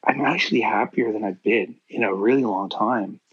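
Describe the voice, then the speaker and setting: A man talking as a guest in casual chat, candid and animated, swearing freely. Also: on the low side, normal speed, husky, highs cut off.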